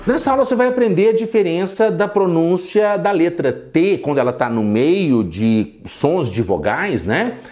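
A man giving a podcast English lesson, demonstrating words slowly and repeating them. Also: fairly high pitch, very animated, darkish tone, faint music behind. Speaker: English teacher.

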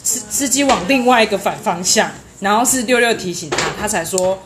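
A young woman with a Taiwanese Mandarin accent, chatting as a podcast co-host and recounting things in a quick, chatty way. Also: medium pitch, crowd noise. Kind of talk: casual chat. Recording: audible background noise.

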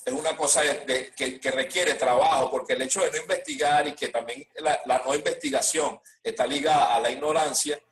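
A Venezuelan man, a guest rapper in a casual podcast chat, blunt and animated with heavy slang. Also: mid-range voice, a little fast, few pauses, poor audio.

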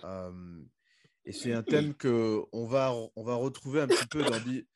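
A Congolese man (from the Republic of the Congo) hosts a podcast in casual interview style, championing his guests while hesitating, restarting and leaning on fillers. His mid-range voice is animated yet unhurried and slightly mellow. The studio recording is clean, with no room sound.

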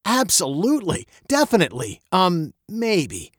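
A man's voice: sits high, very animated, a little fast, dry recording, clean studio sound, voice pushed up. A man doing a stammering, unsure dad. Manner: stammering, hesitant then reassuring. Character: flustered loving father, middle-aged man. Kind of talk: audiobook character voice.

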